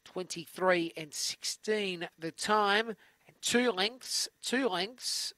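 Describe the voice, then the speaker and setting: A male Australian race caller with a high, bright voice. He delivers greyhound commentary and results in clipped announcer phrases, often repeating figures. The sound is close and dry. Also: drawn-out words, no echo.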